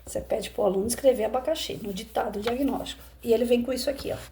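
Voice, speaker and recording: Brazilian woman teacher, warm low-key tone, chatty and explanatory. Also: fast, vocal fry, slight background noise. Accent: Brazilian Portuguese. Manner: conversational, explains with rhetorical questions. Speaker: educator. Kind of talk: reflective commentary on a parable.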